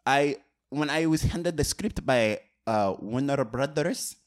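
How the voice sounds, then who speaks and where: A man putting on a pompous, self-important movie director with a phony French air, who stumbles and repeats himself while boasting deadpan. His voice sits at an everyday middle pitch. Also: normal speed, close to an everyday voice. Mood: deadpan boastful. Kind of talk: improvised comedy role-play.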